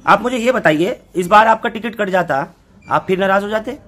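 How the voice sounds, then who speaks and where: A man's voice: sits high, moderate pace, a bit bright. A male reporter asking pointed, persistent interview questions. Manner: probing, persistent.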